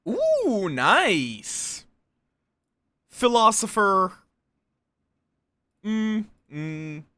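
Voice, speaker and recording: Very animated yet slow, this bright, forceful mid-range voice comes from a streamer who runs an online social deduction game. Chatting casually and playfully with friends and viewers, the storyteller keeps dropping little sing-song interjections.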